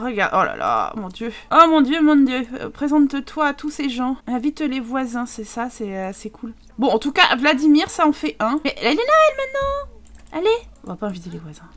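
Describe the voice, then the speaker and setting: A woman's voice: high-pitched, very animated, a little fast, hardly any pauses, a bit bright. A woman giving casual, joking commentary over a life-simulation game and talking to the characters. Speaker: gaming streamer.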